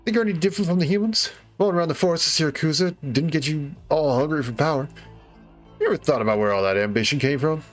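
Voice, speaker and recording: A man's voice: on the high side, fast, close to an everyday voice. A man voicing a brash, swaggering male penguin mob boss who talks in cocky slang with threats, reading a game story aloud. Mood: taunting. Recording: faint music behind.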